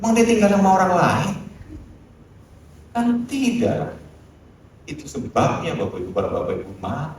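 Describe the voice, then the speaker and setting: A man preaching a sermon with lively delivery, acting out scolding lines and putting questions to the congregation. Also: a little high, fast talker, a little hiss or hum. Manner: animated preaching, acts out scolding quotes, asks the congregation questions. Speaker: pastor. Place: church hall. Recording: very echoey church hall, mic far off.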